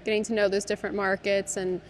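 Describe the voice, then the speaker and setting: A woman's voice: medium pitch, level tone, quick pace, a little hiss or hum. A woman in her thirties interviewing a brewery guest in a barrel room, asking chatty questions with fillers. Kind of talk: business interview.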